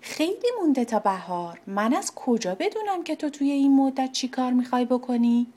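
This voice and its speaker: Grumpy suspicious oak tree, lady doing it, slow and grumbly, breathy. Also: high voice, animated, dark tone, voice pushed up.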